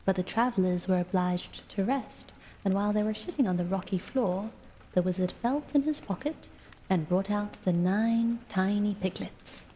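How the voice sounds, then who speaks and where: A woman reading a bedtime storybook aloud in a soft, hushed, unhurried way, as a whispered role-play. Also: medium pitch, long reverb tail, a little hiss or hum.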